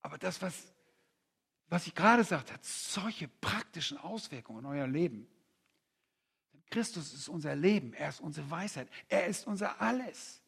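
A male preacher with a husky, fairly high voice gives a lively conference sermon. He fires rhetorical questions at the crowd and slips into quoted voices to make his points. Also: normal speed.

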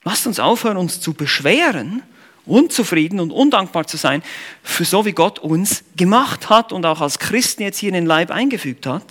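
Man, preacher, expository sermon, high voice, bright tone, earnest, rhetorical questions. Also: lively intonation, normal speed. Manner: explains Greek word meanings.

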